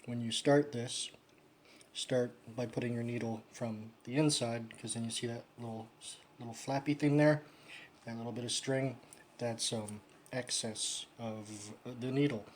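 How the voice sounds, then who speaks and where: A man talks casually through a hands-on craft vlog, his pitch sitting in an ordinary middle range. He rambles, trails off and swears offhandedly as he works. The tone is loose and unpolished, like thinking out loud. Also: steady tone, a little slow, a little hiss or hum. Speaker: vlogger. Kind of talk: casual how-to chat while sewing.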